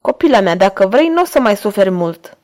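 A woman's voice: medium pitch, very animated, a little mellow, lightly acted. A woman voicing an old, lustful and domineering pope in a storybook reading, coaxing and intense. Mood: soothing.

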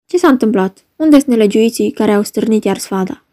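Stern duke read by a woman, measured, mellow voice. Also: fairly high pitch, animated, lightly acted. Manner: measured, commanding. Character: stern ruling duke, solemn authority. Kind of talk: dramatic reading of a play.

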